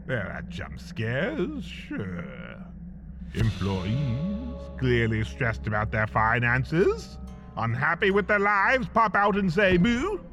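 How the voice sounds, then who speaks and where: Over music and faint ambient sound effects, a podcast host and narrator reads a scripted comic story told in the second person. His voice is fairly high and very animated but slow, delivered with theatrical drama and wry understatement, and it sounds slightly muffled.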